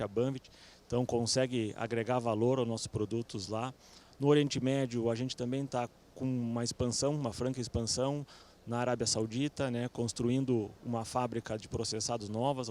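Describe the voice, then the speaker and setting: A man gives a company presentation into a stage microphone at a conference. His voice sits in a middle pitch range and his delivery is relaxed and conversational, with small fillers and self-corrections. Light ambient noise from the venue sits beneath him. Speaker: company executive panelist. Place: event stage with audience.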